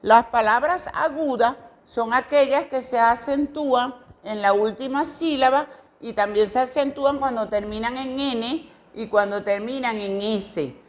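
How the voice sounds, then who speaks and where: Speaking at a measured pace in a slightly high voice, a woman teacher from Venezuela records a grammar lesson for children on muffled audio. She repeats example words with patience, though some fillers and self-corrections creep in.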